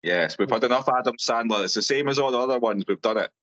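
A man's voice: mid-range voice, fast, fairly bright tone, no room sound, dull audio. A man co-hosting a casual movie podcast, dry and matter-of-fact. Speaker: podcast co-host.

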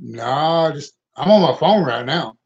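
A man's voice: a little high, expressive, a little slow, vocal fry. A man calling in over the phone, chatting easily and agreeing with the host. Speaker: call-in guest. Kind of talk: casual chat. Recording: tinny, distant phone line.

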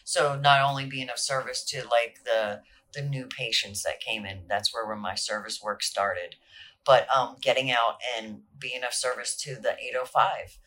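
A woman's voice: very deep voice, steady tone, moderate pace, a bit bright. A woman guest talking in a casual interview, earnest and chatty, with lots of fillers and easy laughs. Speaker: podcast guest, recovery alumni coordinator.

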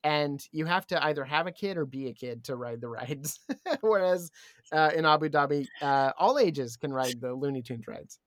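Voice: medium pitch, lively intonation, moderate pace, dry recording, clean studio sound. An enthusiastic podcast co-host chatting casually and explaining cartoon history.

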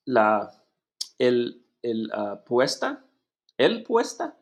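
Halting, laughing Spanish learner woman. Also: a bass voice, huge pitch swings. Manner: hesitant, repeats words, laughs often. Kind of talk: halting poem reading practice.

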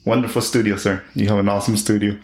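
A man's voice: lowish voice, little pitch movement, quick pace, darkish tone, slight background noise. A man hosting a podcast, interviewing a guest in an upbeat manner. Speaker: podcast host. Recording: echoey room.

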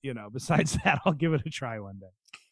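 A man's voice: medium pitch, expressive, fairly quick, gravelly, dry recording. A man from the United States co-hosting a casual chat, laughing often and stammering through playful reactions. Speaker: podcast co-host.

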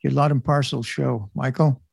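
A man hosting a casual interview in a folksy, halting way. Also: medium pitch, fairly even intonation, creaky, a little mellow, breathy edge, no room sound. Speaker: podcast host.

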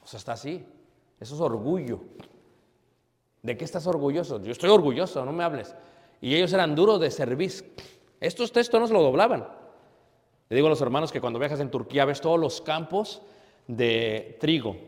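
A man preaching a sermon as a pastor, asking rhetorical questions and swinging between loud emphasis and hushed asides. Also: on the high side, expressive, normal speed, long pauses. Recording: long hall reverb.

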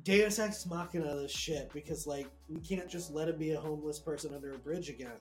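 A woman's voice: sits low, a little fast, soft background music. A woman co-hosting a comedy podcast, improvising a profane rant and often breaking into laughter. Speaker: podcast co-host.

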